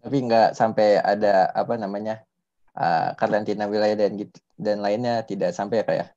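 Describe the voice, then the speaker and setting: Male online-chat host, mellow and hesitant, muffled lo-fi video-call sound. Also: on the low side, fairly even intonation, moderate pace. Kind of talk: casual hosting of an online chat. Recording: dull, lo-fi call audio.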